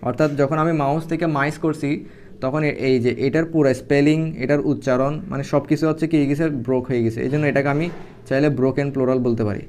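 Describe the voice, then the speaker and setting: A man's voice: mid-range voice, steady tone, quick pace, darkish tone, clear, resonant tone. A young man teaching Arabic grammar in a casual, explanatory way, thinking aloud with fillers and restarts as he writes.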